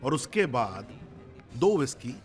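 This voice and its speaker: A man's voice: medium pitch, sing-song, takes it slowly, soft background music. An actor playing a breezy, stingy male friend who brushes off worries. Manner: breezy, dismissive. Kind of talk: film dialogue.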